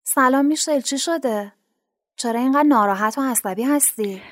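An actress playing a gentle, earnest young woman in a narrated radio drama, speaking softly and sincerely. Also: high voice, dry recording, clean studio sound, lightly acted.

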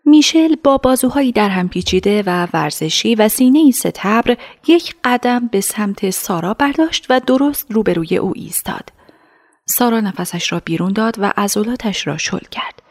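A woman narrating a radio drama in a measured, hushed storytelling voice. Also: a little high.

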